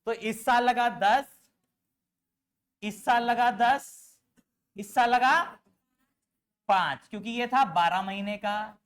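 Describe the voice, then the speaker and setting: Taking it slowly with long pauses, a man with a very high, slightly bright voice teaches accountancy in a live classroom. He works through an example, questioning students nonstop and fondly calling them "beta."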